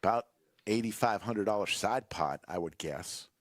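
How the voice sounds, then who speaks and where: A man's voice: lowish voice, normal speed, no echo. A man giving live play-by-play commentary on a poker game, steadily announcing bets and cards.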